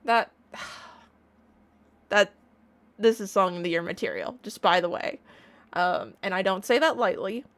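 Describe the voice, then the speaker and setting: A woman streamer giving a casual, excited reaction in a playful, bubbly, gushing way. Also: medium pitch, takes it slowly, pauses often, slight background noise. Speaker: online reaction streamer and music creator.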